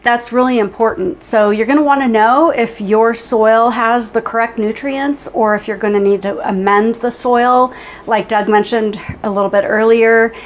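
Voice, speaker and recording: A woman's voice: fairly high pitch, steady tone, normal speed. A woman in her forties co-hosts a homesteading channel, talking to camera in her kitchen in a friendly, upbeat way. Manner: friendly, upbeat, direct address. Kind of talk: scripted explainer to camera. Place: home kitchen indoors.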